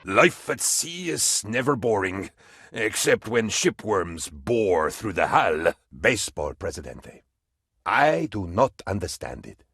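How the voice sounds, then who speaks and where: A male voice, on the low side and husky, delivers a wildly melodramatic, very animated, exaggerated performance, taking it slowly with swooping delivery and a bemused mood; the tone is a bit bright in a studio-quality recording with no room sound. It's theatrical voice acting for a strategy game, playing an excitable, scheming presidential adviser, a sly and melodramatic political toady.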